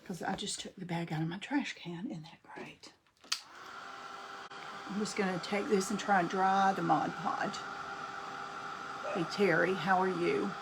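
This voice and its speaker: Speaking unhurriedly with long pauses and a steady tone, this woman has a fairly low voice and a North Carolina Southern accent. She hosts a live-streamed craft demo at her table, greeting viewers by name in a folksy way, with a noisy background behind her.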